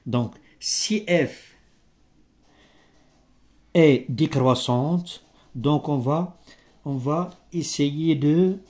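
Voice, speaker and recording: Homme au débit lent, français hésitant et approximatif. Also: male voice, a little high, a little mellow. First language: not French. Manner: halting, broken French with grammatical slips and word searching. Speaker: maths teacher. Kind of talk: improvised maths lesson.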